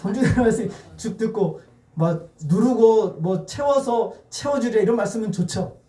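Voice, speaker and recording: A male pastor preaching a sermon in a church sanctuary, animated and firing rhetorical questions at the congregation. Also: high voice, normal speed. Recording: echoey church hall.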